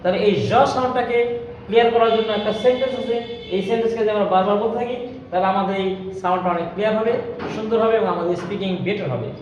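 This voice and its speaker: High-pitched Bengali teacher in an echoey hall. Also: male voice, fairly even intonation, muffled recording. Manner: repeats sounds and practice sentences slowly, syllable by syllable. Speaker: English pronunciation teacher. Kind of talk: phonetics lesson with slow drilled repetition. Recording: echoey hall, distant mic, faint ambient noise.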